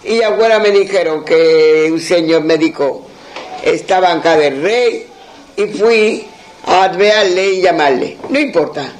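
Storybook figure: a worn-down old woman begging softly, put on by a male storyteller, high voice. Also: unhurried, poor audio. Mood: pleading.

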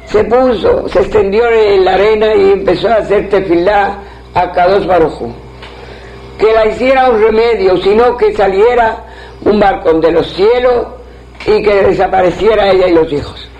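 A man's voice: sits high, moderate pace, a little mellow. A man telling a traditional folktale aloud in a repetitive, rhythmic way, on a dull lo-fi recording. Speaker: storyteller.

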